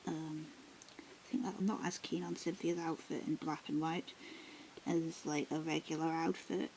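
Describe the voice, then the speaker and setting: Woman art vlogger, casual and rambling, soft half-whispered asides, fry-heavy voice over a noisy home recording. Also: low voice, moderate pace. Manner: rambling, many ums and restarts; often drops to a half-whisper. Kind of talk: casual sketchbook tour. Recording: steady background noise.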